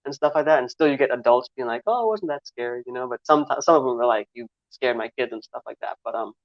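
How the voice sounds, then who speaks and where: A man's voice: medium pitch, fast talker, no echo. Twenties guy, New York accent, easygoing interview guest who rambles, dry and slightly dull sound. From Trinidad. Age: 20s. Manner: rambling, many fillers and restarts. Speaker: guest filmmaker. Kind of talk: casual interview answers.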